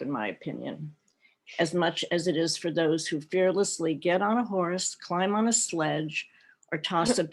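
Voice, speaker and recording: Middle-aged woman, panelist on a video call, reflective storyteller with easy light laughter. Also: low voice. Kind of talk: personal talk at an online panel.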